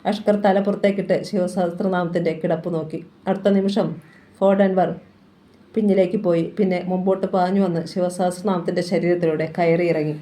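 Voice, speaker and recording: Low, mellow-voiced woman reading a thriller. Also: fairly even intonation, fairly quick. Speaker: novel reader. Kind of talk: scripted narration of a crime thriller.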